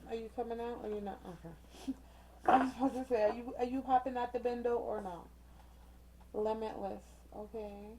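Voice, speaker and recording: A woman's voice: fairly high pitch, steady tone, normal speed, mellow, a little hiss or hum, rough recording. A woman doing a casual oracle card reading, chatty and encouraging, speaking straight to her viewers with slang and frequent "okay?" check-ins. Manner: chatty and encouraging, uses slang and mild cussing substitutes. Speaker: tarot reader. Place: indoors with a ring light.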